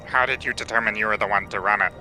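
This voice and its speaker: Very bright, sharp-voiced man at game table. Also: on the low side, steady tone, fast, soft background music, low-quality recording. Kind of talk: casual in-character role-play chat.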